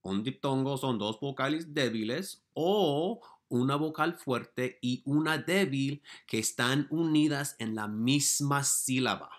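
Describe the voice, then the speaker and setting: A man's voice: medium pitch, slow, hardly any pauses. A man teacher who switches between Spanish and English as he patiently walks young pupils through their weekly lessons. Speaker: elementary school teacher. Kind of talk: remote class walkthrough for young pupils.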